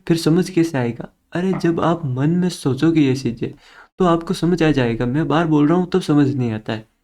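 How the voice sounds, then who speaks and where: A man's voice: fairly high pitch, dark tone. A young man teaching an exam-prep lesson in a casual, chatty way, mixing English words into his talk.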